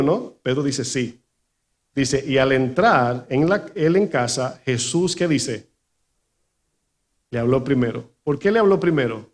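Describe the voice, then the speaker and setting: Man, pastor, sermon in a church, personal story, voices quoted people, asks the congregation questions, mid-pitched voice. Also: a little mellow. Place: church in New York.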